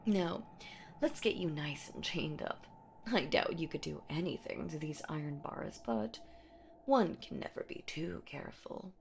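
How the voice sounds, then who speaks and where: This deep-voiced woman plays a predatory, possessive ancient boogeywoman for a horror roleplay audio drama, with a little background noise. Sweetly menacing, she teases slowly, breathing whispers and drawing out her words.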